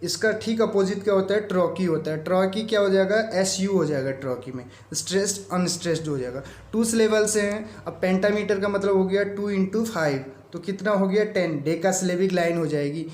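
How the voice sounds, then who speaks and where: A high-pitched Indian man teaching English literature for exam prep. He works through quiz items step by step, asking questions and answering them himself. The sound is roomy and echoing. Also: darkish tone. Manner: reads English quiz items slowly, mixing English terms into Hindi.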